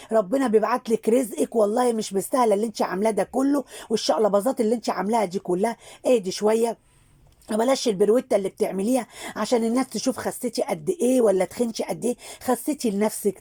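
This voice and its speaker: A woman with an Egyptian accent scolds and mocks in a satirical commentary. Her voice is high, dark and husky. She talks at a rapid, preachy clip. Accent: Egyptian Arabic. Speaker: social media commentator. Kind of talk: satirical commentary on social media figures.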